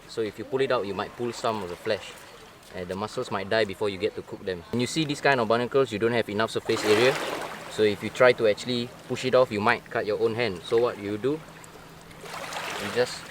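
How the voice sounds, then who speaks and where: A man's voice: on the low side, background noise. A man with a Singaporean accent giving step-by-step coaching in a casual instructional vlog. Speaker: fishing vlog host and guide.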